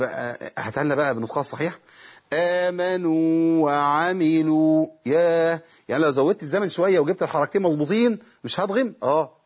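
Fast-talking Egyptian sheikh teaching tajweed. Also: male voice, on the high side, slightly rough, highs cut off. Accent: Egyptian Arabic. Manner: asks himself questions and answers them, demonstrating recitation. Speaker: Quran recitation teacher. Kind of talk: televised tajweed lesson with question-and-answer.

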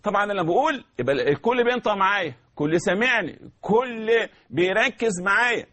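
Egyptian male tajweed teacher, high bright voice, slow, drawn-out demonstrations. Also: expressive. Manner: slow drawn-out recitation, repeats sounds for students to copy. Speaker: Quran recitation teacher. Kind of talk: tajweed lesson with recited verses.

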